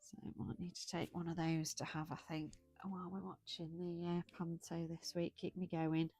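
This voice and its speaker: A tired British woman with a low, everyday voice that isn't husky chats idly while colouring on a livestream, yawning now and then. She drifts between thoughts and corrects herself mid-sentence, her delivery flat and moderately paced. Soft music plays faintly behind her.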